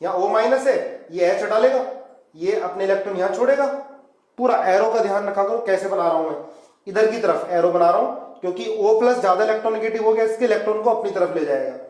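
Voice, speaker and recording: A man's voice: high-pitched, quick pace, a little mellow, echoey room, low-quality recording. A man teaching a chemistry lecture at a whiteboard, coaxing students and calling them "beta" as he walks through reaction mechanisms. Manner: coaxing, calls students "beta", asks them to follow along.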